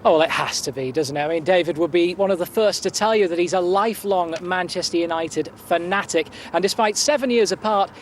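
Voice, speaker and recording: A man's voice: high voice, brisk, few pauses, slight background noise. A man presenting and reporting on sport for television, with a polished, upbeat broadcast delivery and light banter.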